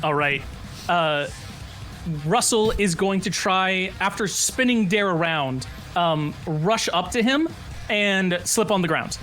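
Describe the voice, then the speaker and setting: High-voiced male game master. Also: expressive, slow, a bit bright, faint music behind. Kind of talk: improvised tabletop game narration.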